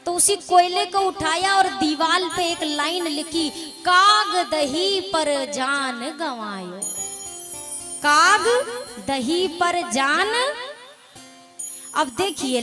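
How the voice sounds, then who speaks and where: A woman giving a devotional story discourse as a spiritual storyteller, speaking slowly and asking rhetorical questions. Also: sits high. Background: devotional music.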